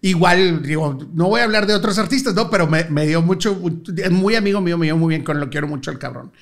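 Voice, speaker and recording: A middle-aged man with a Monterrey accent, a guest telling stories in an animated, slangy way and laughing easily. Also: on the high side, fast. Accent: northern Mexican, Monterrey. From Monterrey, Mexico. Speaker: interview guest. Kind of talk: casual storytelling interview.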